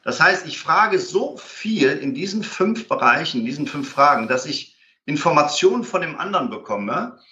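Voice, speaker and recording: A man's voice: a little high, very animated, normal speed, pushed and bright. A man as an interview guest, explaining conflict resolution with many fillers and acted-out example dialogues. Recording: roomy, dull lo-fi sound.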